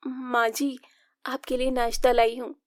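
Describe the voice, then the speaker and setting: A woman's voice: sits high, flat delivery, a little slow, no echo, studio quality. A woman narrating a family drama story, expressively reading all the female parts. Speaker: narrator voicing all women. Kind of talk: storybook narration with character voices.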